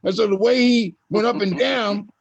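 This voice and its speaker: Older male host, high gravelly voice, emphatic storyteller, dull dry recording. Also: steady tone, moderate pace, dry recording. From USA. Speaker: open mic host. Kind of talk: casual group talk.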